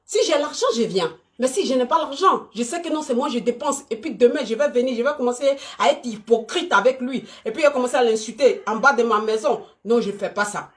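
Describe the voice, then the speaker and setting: Her voice is a little high, and she talks briskly with few pauses. The woman, from Côte d'Ivoire, hosts an unscripted live stream, talking animatedly and directly to viewers in an emphatic, repetitive way.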